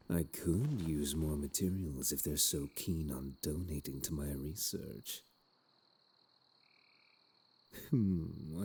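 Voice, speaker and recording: Sinister gentlemanly plague doctor , male actor: extremely low, slow, unhurried delivery, theatrical dark-fantasy audio role-play. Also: husky, full character voice. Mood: darkly amused. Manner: archaic, theatrical wording, doting and menacing.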